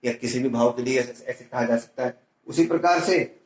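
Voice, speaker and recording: A man's voice: mid-range voice, normal speed, a little mellow. Man teaching grammar in an echoey room. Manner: explains with spoken examples and checks "ठीक है ना". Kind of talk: grammar lesson.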